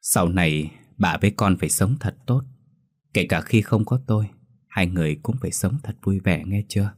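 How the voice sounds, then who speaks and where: A man's voice: sits low, moderate pace, darkish tone, breathy edge. A man reading the lines of a soldier husband's ghost, tender and sorrowful.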